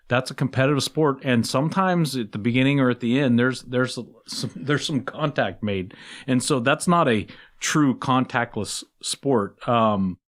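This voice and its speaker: A man co-hosting a sports talk show in a mid-pitched voice. He talks casually and with sarcasm, asking questions in long, drawn-out phrases. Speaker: sports podcast co-host.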